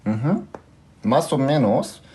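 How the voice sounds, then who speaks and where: Guy with a korean accent teaching a class, lively up and down voice, keeps checking everyone gets it. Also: mid-range voice, slow pace, a little hiss or hum. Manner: asks students often if they understood; patient, repeats and drills examples. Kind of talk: live class explanation.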